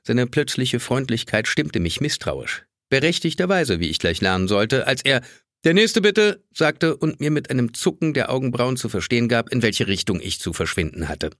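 A man narrating an audiobook in the first person, with a wry, expressive storytelling manner. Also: medium pitch, moderate pace, few pauses, dry recording, clean studio sound. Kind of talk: scripted narration.

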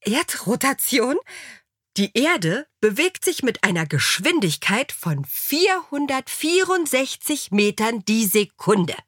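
A woman's voice: on the high side, sing-song, takes it slowly, few pauses, a bit bright, no echo, studio quality, pitched above the performer's own voice, full character voice. A woman reading a story aloud and voicing a flustered man who babbles in a hasty, lecturing way. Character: flustered, rambling nerdy man.

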